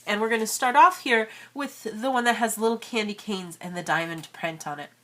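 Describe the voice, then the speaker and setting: Her medium-pitched voice is sharp in tone and a little fast. The origami crafter, a woman in her thirties hosting her own channel, has a cold as she chats casually through a tutorial, friendly and full of fillers.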